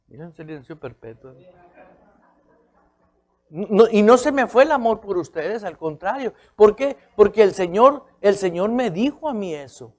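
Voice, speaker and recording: A man's voice: high voice, animated, a little slow. A male pastor, preaching a conversational sermon. He keeps checking in with his listeners and repeats key phrases for emphasis.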